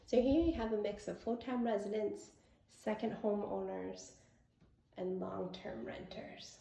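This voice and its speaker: Gushing realtor lady doing a house tour, super enthusiastic, creaky fry in her voice, mid pitch. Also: fairly even intonation, measured pace, mellow, poor audio. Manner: gushing real estate agent, full of superlatives. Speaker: real estate agent giving a property tour. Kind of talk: enthusiastic property tour presentation.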